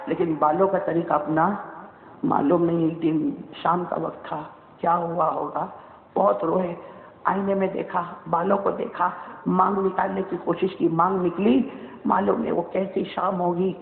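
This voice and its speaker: A man with a Mewati-inflected accent preaching a sermon and telling a story with animation. He calls on the listeners to repeat after him and builds up to shouting. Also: sits high, little pitch movement, creaky. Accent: Mewati-inflected Urdu. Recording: echoey hall, tinny lo-fi sound.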